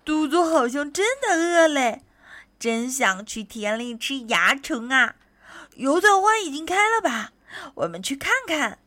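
Hungry little ladybugs chatter quickly in a bright, high voice, as a woman puts them on. The pitch bounces around a lot. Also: sing-song, heavily acted. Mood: eager.

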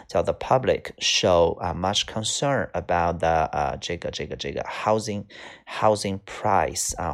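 A man's voice: lowish voice, gravelly. A man teaching English vocabulary to students, explaining one word after another and repeating each key word. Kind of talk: vocabulary lesson.

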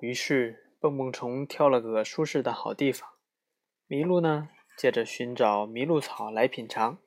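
A man reading a rhyming children's picture book aloud in a lively, expressive way. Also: mid-range voice, a little slow. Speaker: storyteller.

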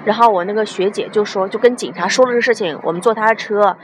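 A young woman from China tells a story in casual speech. She is lively and acts out the voices of the people she quotes. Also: medium pitch, quick pace, slight background noise. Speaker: guest telling a story.

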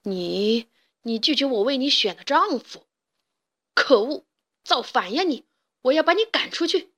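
A woman's voice: on the high side, animated, moderate pace, a bit bright. A woman voicing a boastful rooster father who runs a theater troupe, blustering and pleased with himself. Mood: ranting. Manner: blustering, self-satisfied.

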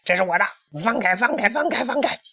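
A man doing a shrill, jumpy little boy chick. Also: huge pitch swings, fast talker. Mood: panicked. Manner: shrill, panicky shouting. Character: small frightened boy chick, stubborn and jumpy. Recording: dull lo-fi recording.

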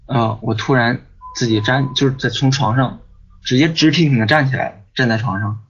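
A man with a medium-pitched, fairly bright yet husky voice talks fairly quickly as a guest on a ghost-story podcast, telling a long personal story. He rambles, repeats words and often throws in "你知道吗" ("you know?"), and the lo-fi audio sounds dull with faint music behind.

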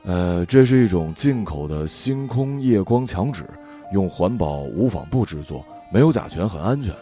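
A man voicing a calm, proud homeowner who explains things in a soft, unhurried way. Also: low voice. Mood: explaining. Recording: faint background music.

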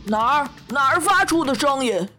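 A woman's voice: mid-range voice, animated, measured pace, lightly acted. A woman voicing a timid, cautious male doctor in a children's storybook, fretful and jumpy. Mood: alarmed. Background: music.

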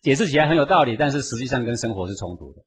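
A man's voice: mid-range voice, expressive, rapid-fire. A man giving an emphatic, preachy Buddhist radio lecture and acting out quotes along the way. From Taiwan.

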